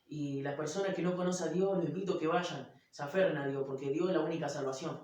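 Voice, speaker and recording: A man's voice: fairly high pitch, fast talker. Echoey young Argentine man telling a story. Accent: Argentine Spanish. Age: young adult. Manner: animated storyteller acting out dialogue. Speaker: church youth guest. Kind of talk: testimony in interview. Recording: very echoey room, mic far off.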